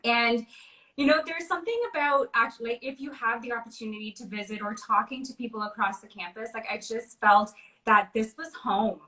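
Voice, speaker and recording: A woman from Trinidad and Tobago, a university recruitment manager, answering interview questions in a friendly, measured way with frequent fillers. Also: on the high side, sharp tone, rough recording. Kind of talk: livestream interview.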